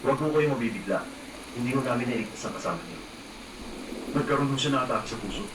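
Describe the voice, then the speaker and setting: A man playing a doctor who speaks in a formal, polite and measured way. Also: medium pitch, natural voice. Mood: somber. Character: calm male doctor breaking bad news. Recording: echoey, distant, noisy playback.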